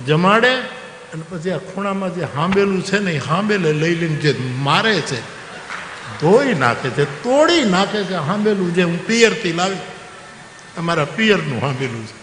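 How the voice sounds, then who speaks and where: A man's voice: high voice, expressive, moderate pace, a bit bright, a little hiss or hum. A man voicing a weeping village wife who pleads and complains as he tells a story. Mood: aggrieved. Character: weeping village wife, grown woman, aggrieved. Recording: roomy hall with long reverb.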